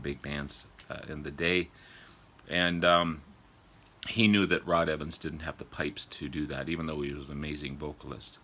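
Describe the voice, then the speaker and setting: A man with an extremely deep voice and a forceful, bright edge talks casually to his viewers as a vlog host. He has a sore throat from a cold, so his delivery is halting and throat-clearing. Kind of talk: casual chat to viewers about records. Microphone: older phone.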